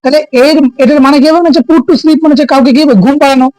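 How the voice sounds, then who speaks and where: Male teacher, high voice, dry close sound, keeps checking students follow. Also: steady tone, racing, darkish tone, no room sound, low-quality recording. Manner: keeps asking students "ঠিক আছে?"; explains by asking and answering his own questions. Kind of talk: exam-prep lesson.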